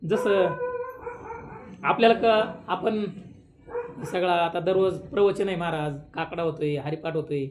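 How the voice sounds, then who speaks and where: A man's voice: high-pitched, steady tone, unhurried, long pauses, noisy background. A man, giving a devotional sermon at a village memorial gathering, talking conversationally and rising into emphatic questions. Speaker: kirtan preacher.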